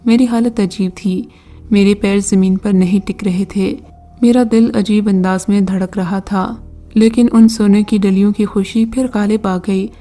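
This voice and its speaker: Female storyteller, warm even narration over quiet background music. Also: mid-range voice. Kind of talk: first-person storybook narration.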